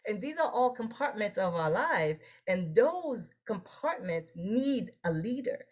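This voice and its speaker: Speaking at an unhurried pace, this medium-pitched woman swings widely in pitch, though the recording's highs are cut off. She's from Haiti and appears as an interview guest, an optometrist and leadership coach reflecting earnestly on her own life story.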